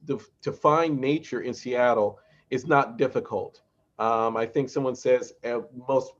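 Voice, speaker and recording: A man hosting a virtual bird walk, talking in a relaxed, reflective way with many fillers. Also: mid-range voice, highs cut off. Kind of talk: casual moderating.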